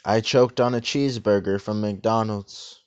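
A man giving a deadpan parody of a guided meditation in a slow, calm, soothing voice. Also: lowish voice, clean tone, dull audio. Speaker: host of a parody meditation video.

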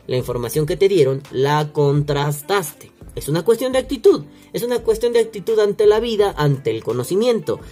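A man's voice: a little high, a little mellow. Profane Mexican man ranting, faint music. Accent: Mexican Spanish. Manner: crude, slangy, mocking, acts out quoted voices. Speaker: vaping podcaster. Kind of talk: profane casual rant. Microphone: single home recording setup.

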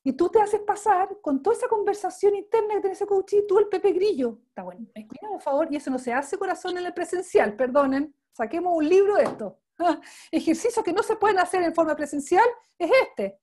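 A woman's voice: very high voice, expressive, brisk, a little mellow. A woman coaching trainer teaching live and informally, effusive and emphatic, often checking in with short questions. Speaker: coaching trainer leading an online class.

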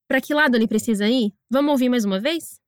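A woman hosting an English lesson, encouraging and slowing down to drill pronunciation. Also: a little high, no echo, studio quality. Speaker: English teacher and podcast host. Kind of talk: scripted language lesson narration.

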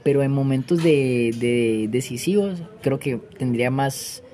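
A man's voice: medium pitch, measured pace, warm tone. A man in his late teens with a Colombian accent, chatting casually and slangily like a podcast host. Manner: slangy, banter-prone. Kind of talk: casual chat.

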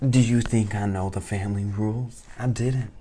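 A man chatting casually to the audience, telling an animated story and laughing often. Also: lowish voice, moderate pace, slight background noise. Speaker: vlogger recounting a trip.

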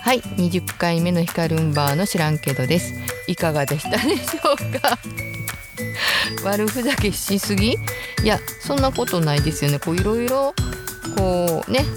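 A woman in her sixties with a Kansai accent hosting a casual solo talk show from her home closet, chatty and quick to laugh at herself. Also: fairly low pitch, animated, over music. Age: 60s. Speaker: podcast host.

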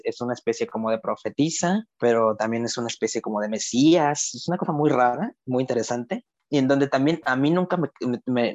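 A man casually discussing a novel, talking haltingly with many restarts and repeated words. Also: mid-range voice, darkish tone, dry recording. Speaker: book club discussant. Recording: dull lo-fi sound.

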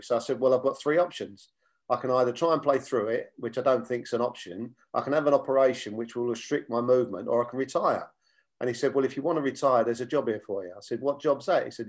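An older man, a former footballer and coach, appears as an interview guest, reflecting on his playing and coaching years in a measured, unhurried way. He retells old conversations as he goes, with many fillers and restarts. His voice is middle-pitched with a darkish tone.

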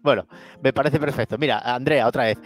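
A man with a Spain Spanish accent, hosting a podcast with quick, joking banter. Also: medium pitch. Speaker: podcast host. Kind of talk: casual chat.

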